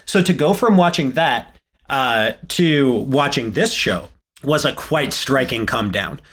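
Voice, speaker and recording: A man's voice: medium pitch, expressive, a little slow, a bit bright, husky. A man co-hosting a podcast in casual chat, rambling with lots of fillers. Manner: rambling, many fillers and restarts. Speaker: podcast co-host.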